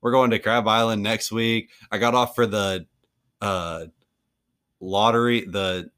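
A man in his early twenties co-hosting a sports podcast, relaxed casual chat with frequent laughs. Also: lowish voice, unhurried, clear, resonant tone. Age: 20s. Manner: relaxed, laughs often, trails off. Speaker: podcast co-host.

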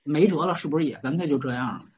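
A man's voice: on the high side, racing, breathy edge. A man hosting a casual chat, asking rambling questions and often seeking agreement. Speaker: host.

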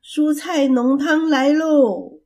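Lady voicing a peppy little storybook mouse, high and eager. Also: sing-song, normal speed, breathy edge, heavily acted. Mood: proud. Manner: bright, eager, loud. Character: small cheerful excitable male mouse.

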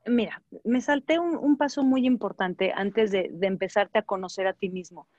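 A woman's voice: medium pitch, moderate pace, a little mellow, no echo. A woman with a Mexican accent giving conversational advice as a guest, acting out little dialogues, with many fillers and restarts. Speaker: guest advisor. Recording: dull lo-fi dry sound.

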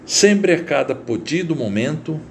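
A man reading a literary short story aloud as narrator, in a slow, deliberate and expressive way. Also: a little high, vocal fry, slight background noise.

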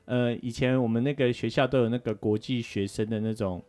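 A Taiwanese man co-hosts a relaxed radio talk show, chatting away and padding his explanations with fillers. His voice is mid-range and darkish, steady in tone, and fairly quick.

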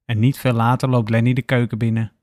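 A man reads a story aloud in a calm, even storytelling manner. His voice sits at a middle pitch for a man. The recording is dry, with no room sound. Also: fast talker, dry recording. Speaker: narrator. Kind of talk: scripted story narration.

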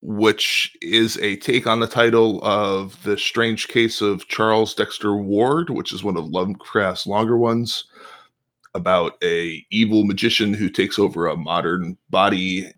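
A man's voice: fairly low pitch, fairly even intonation, a little slow, a bit bright. A man co-hosting a casual chat, adding precise, matter-of-fact corrections and literary references. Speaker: podcast co-host. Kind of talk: casual chat discussing a TV episode.

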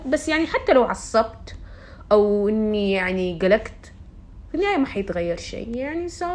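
A young woman talks fast and casually to her followers. Her tone is chatty and confiding, and she slips English words into her speech. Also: medium pitch. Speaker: vlogger.

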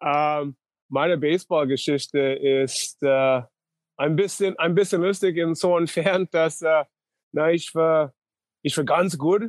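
An American man in his thirties, a native English speaker, talks his way through German in a dry, close recording. His voice sits a little high for a man. He stumbles and hunts for words, restarting his sentences. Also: fairly even intonation, no echo. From North Dakota, USA. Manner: halting non-native German, searching for words. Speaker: guest, pitching coach. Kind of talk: casual interview chat.

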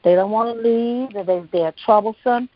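Woman from Texas, faith talk host, affirming storyteller, fairly high voice, dry lo-fi sound. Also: moderate pace, no room sound. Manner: warm affirming, calls listener honey, storytelling. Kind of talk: faith-based conversational talk.

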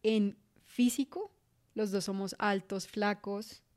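A young woman with a mid-range voice co-hosts a relaxed podcast conversation. She speaks steadily and moves the talk along from one question to the next. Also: medium pitch, slow. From Miami, USA. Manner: steady, keeps the conversation moving. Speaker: co-host. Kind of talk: casual podcast chat.

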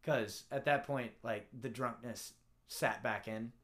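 A man's voice: mid-range voice, a little slow, a bit bright. A man casually telling a rowdy story from his Navy days, swearing freely and acting out the dialogue.

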